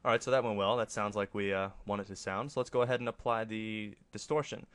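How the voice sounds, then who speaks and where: A man presenting a casual, offhand software tutorial as a voice-over to a screen recording. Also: lowish voice, fairly even intonation, fast talker, smooth, dry recording. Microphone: close microphone, voice-over for screen capture.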